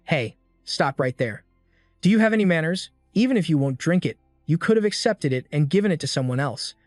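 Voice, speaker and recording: A man's voice: fairly high pitch, animated, a little fast, darkish tone, no room sound, studio quality, faint music behind, lightly acted. A man voicing a blustering hothead senior student. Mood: angry. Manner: blustering, taunting. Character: boastful, hot-tempered male senior student.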